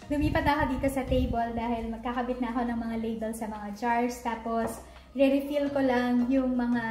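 Woman, 30s, fairly high voice, casual home vlog, chatty with frequent fillers, faint music bed. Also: a little mellow. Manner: chatty, mixes English into her talk, frequent fillers. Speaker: home organizing vlogger. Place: home dining area, indoors.

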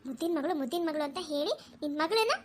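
A woman voicing a blunt, outspoken young woman in a cartoon, sharp-tongued and defiant. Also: sits high, animated, quick pace, slight background noise, pitched below the performer's own voice. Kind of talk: cartoon voice acting.

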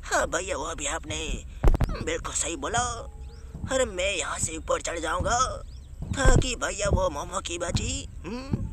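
A man's voice: high voice, animated, a little slow, background noise. A man voicing a timid, whiny young cartoon sidekick who pleads and frightens easily, acting over gameplay. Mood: scared. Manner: pleading, frightened, calls everyone "bhaiya".

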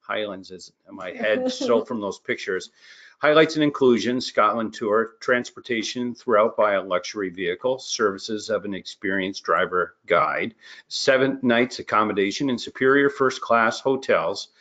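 A man presenting travel tour highlights in a casual way, correcting himself and fumbling some place names. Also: normal speed, a bit bright. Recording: muffled lo-fi recording.

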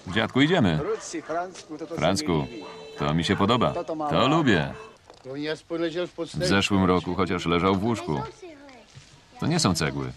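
A man's voice: low-pitched, very animated, measured pace, pauses often, loud music behind the voice. A man reading a film voice-over, speaking every character's lines in his own voice over the film's soundtrack. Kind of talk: single-voice film voice-over reading all dialogue.

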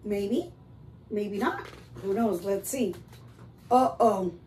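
A preschool teacher reading a picture book aloud to children, expressive and asking them questions. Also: female voice, medium pitch, takes it slowly, slight background noise, low-quality recording.

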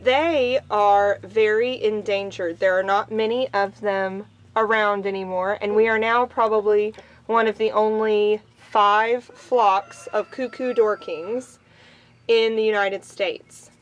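A woman's voice: medium pitch, fairly even intonation, slow pace, muffled recording. A woman, talking earnestly to camera in a casual farm vlog, recorded outdoors on a porch. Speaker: small farm owner and vlogger.

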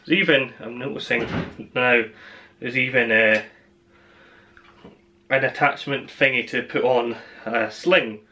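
A man chats through an unboxing in a relaxed, meandering way. His voice is bright and sits at an ordinary pitch for a man. He laughs easily and teases himself between thoughts. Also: a little slow. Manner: rambling, chatty, self-mocking, laughs often. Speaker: channel host. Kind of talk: casual unboxing vlog.

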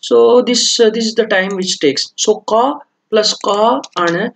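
A man's voice: high voice, drawn-out words, a bit bright. A man teaching Arabic grammar, explaining step by step with many fillers and self-corrections. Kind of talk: lesson mixing two languages.

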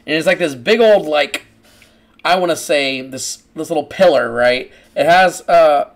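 Rambling game master narrating. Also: male voice, on the high side, a little slow. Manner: rambling, many restarts and fillers. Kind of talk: casual tabletop game narration.

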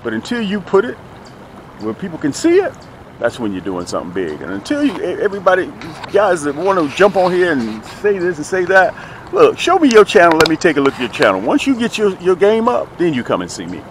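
A middle-aged man hosts a folksy fishing vlog from a little boat on a lake, speaking a bit fast in a high voice whose pitch swoops wildly. He is emphatic and keeps repeating phrases. The audio, with outdoor noise, comes from an action camera mounted close by.

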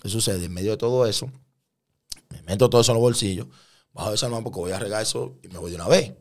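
A man as an interview guest, telling a story in animated conversational style with street slang and English words mixed in, checking often that the listener follows. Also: fairly low pitch, quick pace.

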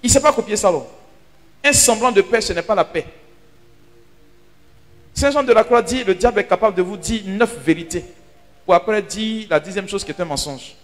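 A high-voiced male priest preaches a sermon at a moderate pace, pausing often. He tells it like an animated storyteller, dropping dramatically into hushed asides. Hall reverb and faint music fill the recording.

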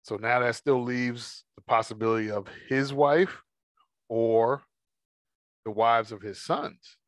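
A man teaching a Bible study, reading verses slowly and then explaining them in a measured way. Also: medium pitch, no echo. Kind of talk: scripture study talk, reading aloud.

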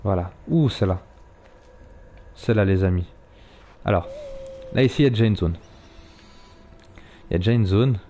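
A man with a warm, lowish voice streams a live game at a moderate pace, leaving long pauses as he chats loosely. He's a let's play streamer giving gameplay commentary, cursing and talking to the animals he rides. There's slight background noise.

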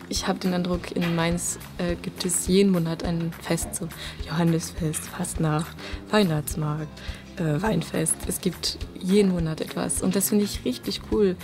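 A young woman from France chats casually in German. Her voice is lowish with vocal fry. Music plays clearly underneath. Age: young adult. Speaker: international student. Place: university library indoors.

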